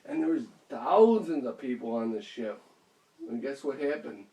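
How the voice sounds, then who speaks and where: A man's voice: mid-range voice, lively intonation, moderate pace, mellow. A father improvising a playful, rambling bedtime story at home, often laughing as he goes. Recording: roomy echo, mic far off, faint hiss.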